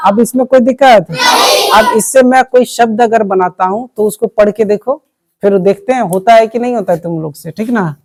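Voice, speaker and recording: A woman's voice: medium pitch, moderate pace, darkish tone, some chatter behind, slight background noise. A woman teacher, explaining a reading lesson to a classroom of children, patient and repetitive, constantly checking whether they have understood. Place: classroom with pupils.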